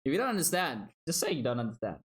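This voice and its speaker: A man's voice: mid-range voice, sing-song, very fast, breathy edge. Rambling young male podcast co-host. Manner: rambling, laughs often, repeats words. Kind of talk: casual chat.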